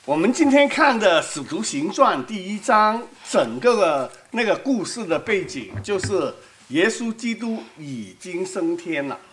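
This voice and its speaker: A woman from Hong Kong with a Cantonese accent preaches a sermon that is being interpreted live. Her medium-pitched voice is very animated yet measured in pace, and she keeps it conversational, asking her audience questions.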